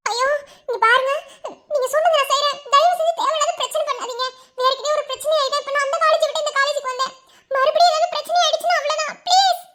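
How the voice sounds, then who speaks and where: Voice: very high voice, steady tone, fast talker, heavy background noise. A performer voicing an anxious young college girl in a cartoon, with a Madurai Tamil accent, pleading breathlessly and close to tears. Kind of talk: cartoon voice acting.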